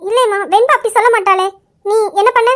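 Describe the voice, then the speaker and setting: A woman's voice: very high-pitched, fairly even intonation, quick pace, fairly bright tone, voice pushed up. A woman voicing a fussing, placating middle-aged aunt, coaxing and anxious. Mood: worried. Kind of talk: amateur Tamil story drama.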